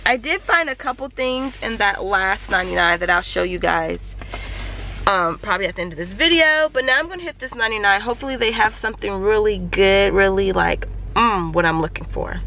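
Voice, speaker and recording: A woman's voice: medium pitch, expressive, brisk, bright, forceful tone, slight background noise. Chatty woman vlogging with her phone. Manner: chatty and enthusiastic. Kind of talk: casual shopping vlog chat. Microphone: phone held at arm's length.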